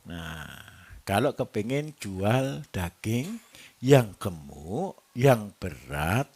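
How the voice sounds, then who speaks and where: Joking and testing his listeners as he goes, a Javanese-accented livestock trainer lectures farmers at a live workshop. He has a medium-pitched, somewhat mellow voice.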